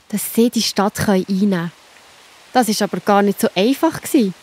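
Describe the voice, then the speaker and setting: Speaking with a Swiss German accent, a woman narrates a scripted children's Bible story, addressing the young listener directly in a reassuring way. Her voice is a little high, darkish and husky.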